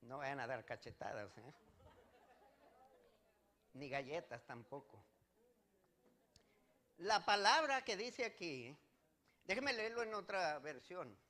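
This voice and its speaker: High, bright-voiced preaching man. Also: big pitch swings, slow pace, long pauses. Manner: emphatic preaching with rhetorical questions to the congregation; swings between loud declarations and quiet asides. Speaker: pastor. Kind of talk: sermon.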